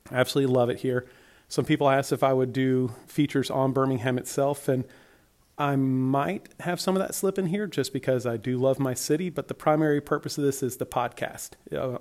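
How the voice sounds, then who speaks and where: Worn out after a tough week, a Southern man from Alabama chats solo on his podcast in a friendly, meandering style. His voice is medium-pitched and a little mellow, though clearly tired and worn.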